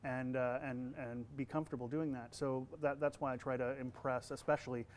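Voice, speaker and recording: In a young-sounding, middle-range voice, a voice actor and college instructor gives casual, easygoing interview answers, often leaning on fillers and restarting his sentences. A faint ambient hiss sits behind him.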